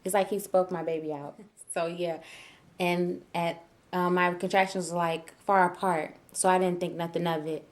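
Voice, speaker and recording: Young woman vlogging, animated, laughs a lot, acts out her own yelling. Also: lowish voice, moderate pace. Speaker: new mother vlogger. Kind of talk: casual storytelling to camera.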